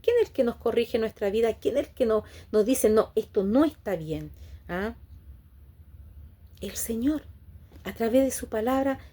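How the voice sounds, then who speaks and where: A woman's voice: on the high side, a little mellow. A woman preaching a sermon to her congregation. She asks them rhetorical questions and ends nearly every phrase with a questioning "right?".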